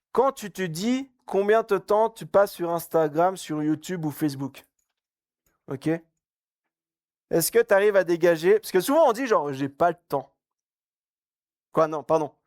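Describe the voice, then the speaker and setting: A young camp speaker with a slightly high voice gives a casual, joking sermon at a youth camp. He's chatty and laughs often, and the studio sound is clean with no room sound.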